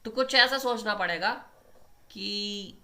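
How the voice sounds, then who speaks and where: A man's voice: sits high, slow pace, bright, forceful tone. A man teaching a maths lecture, explaining step by step and often checking in with his students. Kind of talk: online exam-prep lecture at a board.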